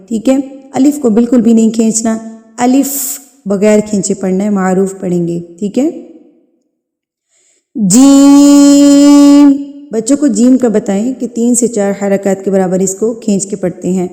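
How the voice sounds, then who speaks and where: A woman teaching a beginner's alphabet lesson to parents and teachers, calling out each letter in a long, drawn-out voice between plain explanations. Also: mid-range voice, dark tone, big-room sound. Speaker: Quran teacher.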